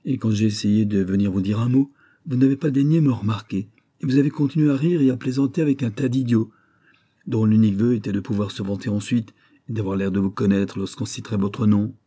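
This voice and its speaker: A man's voice: lowish voice, fairly quick, mellow, breathy edge. A man voicing a jealous, bullying middle-aged rich husband who talks in a resentful, blustering and insistent way. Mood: angry resentment.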